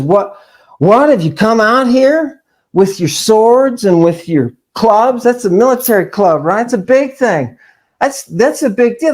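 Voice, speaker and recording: A man lectures in a loose, conversational way, working line by line through a text on screen. He talks at an unhurried pace, often circles back to repeat himself, and keeps asking "right?" of his listeners. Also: sits high, darkish tone. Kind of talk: informal lecture reading from a text.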